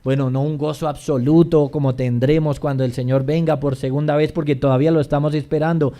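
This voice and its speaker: Addressing his congregation as brothers, a male pastor delivers a sermon that alternates between quiet, low stretches and loud, emphatic declarations.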